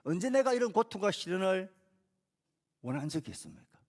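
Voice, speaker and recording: A man's voice: mid-range voice, animated, takes it slowly. A man voicing an indignant little boy. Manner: indignant, pleading questions. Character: upset infant boy protesting to his father.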